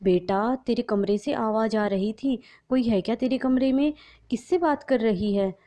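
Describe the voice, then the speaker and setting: A woman's voice: a little high, moderate pace, pitched above the performer's own voice, lightly acted. A woman voicing a blind elderly mother-in-law who calls out plaintively in a storybook narration. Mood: suspicious. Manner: calling out loudly, plaintive.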